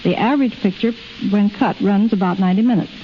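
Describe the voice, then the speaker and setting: Through the muffle and hiss of a 1930s radio recording, a middle-aged female film editor reads prepared answers as an interview guest. She talks fast in a mid-range voice.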